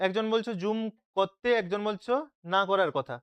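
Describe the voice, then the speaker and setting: Tutor, online revision lesson, smooth clear voice, asks and then answers. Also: medium pitch, normal speed. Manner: asks questions and answers them himself, checks with "তাই তো?". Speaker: teacher. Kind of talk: online live class, question-and-answer revision.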